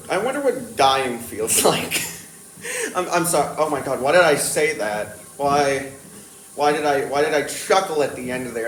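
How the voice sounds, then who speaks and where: A teenage boy chatting casually to himself into a tablet, hesitant and stop-start, his train of thought wandering. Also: medium pitch. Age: teenager, born around 2010. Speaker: vlogger. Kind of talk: rambling casual solo chat. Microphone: talking to a tablet. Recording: echoey room with faint background noise.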